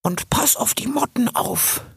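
A man voicing a timid old male salamander in an audiobook, speaking slowly in a breathy, creaky, halting voice that drops to a whisper. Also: extremely high pitch, animated, fairly bright tone, no echo, voice pushed up, exaggerated voice. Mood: nervous. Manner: slow, stammering, partly whispered.

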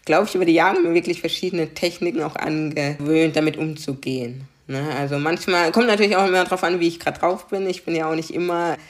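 In a conversational interview, a young adult woman from Karlsruhe, Germany, a diversity coach, explains things earnestly and regularly adds a questioning "ne?". Her low-pitched voice moves briskly, with few pauses.

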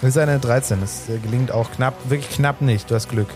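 A man's voice: medium pitch, brisk, loud music behind the voice. Playfully ironic man running a tabletop game. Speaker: game master. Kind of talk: improvised narration of a tabletop game.

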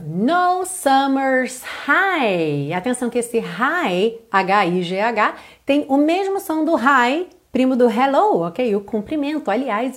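A Brazilian woman teaching English pronunciation, explaining quickly and then modeling slow, drawn-out lyric lines, repeating words to demonstrate sounds. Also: on the high side.

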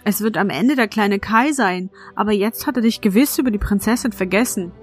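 A woman voicing a kindly, croaking female crow who speaks haltingly and deliberately. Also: mid-range voice, soft background music, natural voice. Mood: croaky, earnest.

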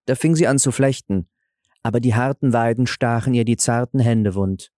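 A man narrating a fairy tale audiobook in a calm, measured storytelling manner. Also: mid-range voice, dry recording, studio quality.

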